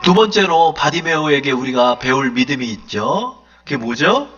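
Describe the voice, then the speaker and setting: A man's voice: medium pitch, very animated, moderate pace, fairly bright tone, highs cut off, soft background music. A man preaching a sermon as pastor, fervently acting out prayers in a raised voice.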